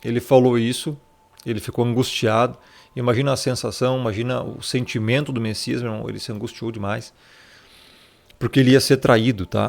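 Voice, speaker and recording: A man with a darkish, mid-range voice and some vocal fry teaches scripture in a casual Bible study. He's conversational, full of tag questions, and addresses the listener as brother.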